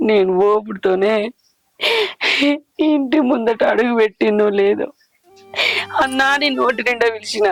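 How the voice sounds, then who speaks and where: A woman's voice: a little high, normal speed, long pauses, lightly acted. An actress playing an ailing village mother with a Telangana Telugu accent, grieving and defiant. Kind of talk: village drama acting.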